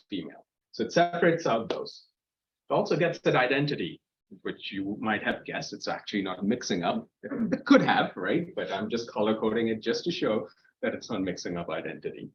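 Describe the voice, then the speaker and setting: In a muffled recording from a lecture room, a man with a fairly low voice gives a guest lecture at a university seminar. He explains loosely, with frequent fillers and restarts.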